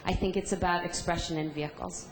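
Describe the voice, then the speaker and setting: A woman's voice: fairly low pitch, fairly even intonation, fast talker, slight background noise. A woman speaking on a conference panel in an earnest, reflective way. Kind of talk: panel discussion answer. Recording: echoey conference hall.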